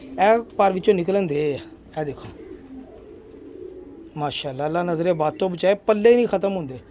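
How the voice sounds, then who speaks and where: With pigeons cooing in the background, a channel host walks viewers through his loft, chatting about his birds and repeatedly blessing them. He speaks at a moderate pace in a high, mellow voice, with a little hiss or hum.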